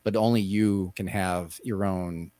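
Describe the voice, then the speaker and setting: Man, from Texas, podcast co-host, joking banter, low voice, dry close mic. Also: steady tone, measured pace, dark tone, dry recording. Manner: jokey, playful banter. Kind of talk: casual podcast chat.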